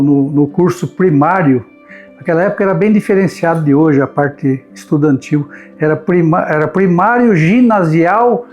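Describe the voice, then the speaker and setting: An older Brazilian man in his seventies talks through his memories in an interview, circling back and repeating words as he searches for the next one. His voice sits fairly high for a man, and soft music plays faintly behind him. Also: lo-fi sound. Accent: Brazilian Portuguese. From Brazil, São Paulo state. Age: 70s. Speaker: notary interviewee. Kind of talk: oral history interview.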